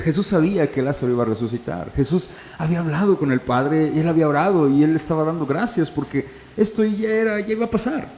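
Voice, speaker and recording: This man's voice is fairly high and mellow as he preaches in a church hall full of echo. He's a pastor giving a sermon in a conversational way, asking the congregation rhetorical questions, with faint ambience behind him.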